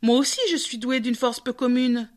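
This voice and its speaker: A woman's voice: on the high side, little pitch movement, moderate pace, lightly acted. Woman doing a sighing rueful elk.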